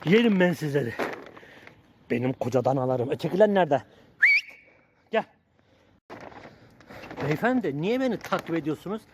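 A Turkish man with a slightly high voice and lively intonation vlogs outdoors around his workshop, speaking at a moderate pace with frequent pauses as he feeds street animals. He calls them over in a raised sing-song voice and scolds them playfully in casual commentary. It's shot on a handheld camera and the outdoor recording is noisy.

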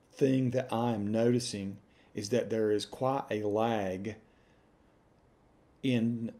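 A middle-aged man with an Appalachian accent, talking casually and deliberately as he demonstrates software. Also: fairly low pitch. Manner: deliberate, spelling out punctuation while dictating. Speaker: software reviewer. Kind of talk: dictation test with casual commentary. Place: room at home, indoors.

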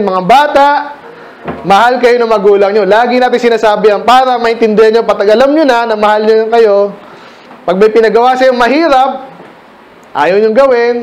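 A middle-aged Filipino pastor with a high-pitched male voice leads a casual Bible study for children. He quizzes his listeners by calling on them by name.

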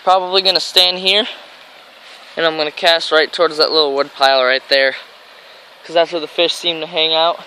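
Here a fishing vlogger, an American man, talks at a moderate pace in a fairly high, steady, pushed and bright voice, rambling excitedly. He's filming on a grassy riverbank with a handheld camera mic, and the rough audio carries stream and traffic noise.

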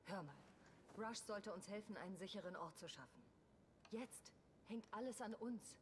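A woman's voice: medium pitch, lively intonation, normal speed, slight background noise, natural voice. An actress voicing an earnest woman survivor in a post-apocalyptic video game. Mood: determined. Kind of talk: dramatic game voice acting.

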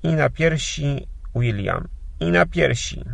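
A man voicing a gruff but kind older emigrant gentleman in a storybook, talking brusquely and grumbling. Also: fairly high pitch, animated, takes it slowly, no echo, pitched above the performer's own voice, exaggerated voice. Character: gruff, kindly old Polish emigrant gentleman.

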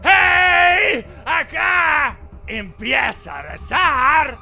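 A man voicing a hostile, frenzied villager enemy from a horror video game, yelling urgent threats. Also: fairly high pitch, huge pitch swings, very slow, vocal fry, faint music behind, voice pushed up, full character voice. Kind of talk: video game dubbing demonstration.

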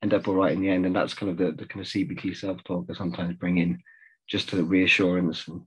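Here a middle-aged therapist from South Africa, speaking from a room at home over a video call webcam, offers hesitant, filler-heavy remarks in a reflective group discussion. He has a deep, husky voice, talks fast with a flat delivery, and the recording sounds muffled.

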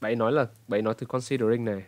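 A man in his twenties from Vietnam, correcting pronunciation and repeating words slowly to demonstrate. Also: mid-range voice, fairly even intonation, a little mellow, no echo. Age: 20s. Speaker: pronunciation coach. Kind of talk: reaction commentary correcting pronunciation.

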